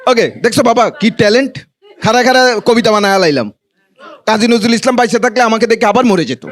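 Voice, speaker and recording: A man's voice: extremely high pitch, expressive, fairly quick, a bit bright. A man with a Bangladeshi accent performing stand-up comedy to a live audience, with colloquial, teasing banter. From Noakhali, Bangladesh.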